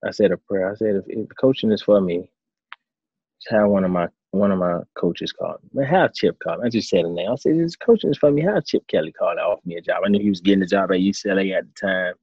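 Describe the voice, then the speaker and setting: Man, 30s, very low voice, relaxed storyteller, dry dull-sounding recording. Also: quick pace, husky, no echo. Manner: relaxed storytelling, acts out his own past thoughts. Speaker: former quarterback turned coach. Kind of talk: casual interview answers.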